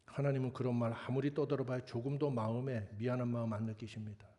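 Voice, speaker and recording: A man's voice: medium pitch, flat delivery, fast, mellow. A middle-aged male pastor preaching a sermon in a conversational, scolding and joking way, acting out prayers. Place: church sanctuary.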